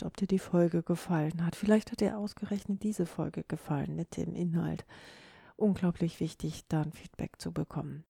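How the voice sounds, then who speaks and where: A woman hosting a solo podcast. She speaks in a soft, breathy, instructive way. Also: fairly low pitch, dry recording, clean studio sound. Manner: instructive, demonstrates word stress on example sentences. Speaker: podcast host.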